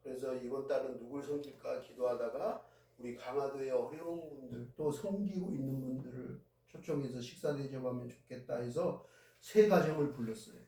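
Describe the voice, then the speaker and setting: A man's voice: medium pitch, moderate pace, dark tone. A male pastor preaching a sermon, telling a story in a conversational, heartfelt way in a church sanctuary. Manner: conversational storytelling, recounting events with feeling. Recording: very echoey hall, voice heard from a distance.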